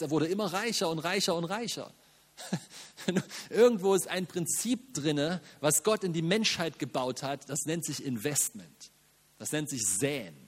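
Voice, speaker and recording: A man preaching a sermon in German, animated, with rhetorical questions, self-mocking asides and frequent "Amen". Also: a little high, slightly rough, big-room sound. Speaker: pastor.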